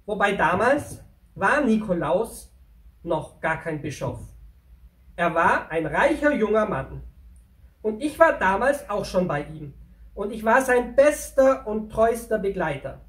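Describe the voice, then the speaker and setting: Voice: medium pitch, sing-song, unhurried, fairly bright tone. Friendly male pack donkey, played by a performer as a kids' storyteller; chatty, talks straight to the children; roomy, distant recording. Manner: chatty, addresses the children directly. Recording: roomy, from away from the mic.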